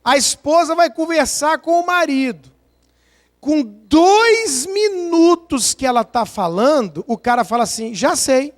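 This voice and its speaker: A Brazilian pastor preaches in an unusually high voice for a man, with a Brazilian Portuguese accent. He tells lively stories, acts out small scenes and counts aloud to drive home his point. His words ring out into a long church reverb. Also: measured pace. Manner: animated storytelling, acting out scenes and counting aloud. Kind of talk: sermon. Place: church sanctuary.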